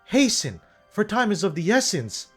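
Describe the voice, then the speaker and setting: A man voicing a proud female oracle in solemn, formal archaic speech, raising his pitch. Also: big pitch swings, normal speed, breathy edge, soft background music, heavily acted. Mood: urgent. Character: proud, stern female oracle of a fantasy quest.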